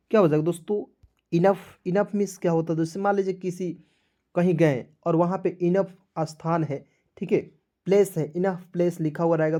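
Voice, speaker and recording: Male English teacher, mellow voice, letter-by-letter spelling lesson, repeats each word, answers his own questions. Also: sits high. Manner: repetitive, asks questions and answers them himself.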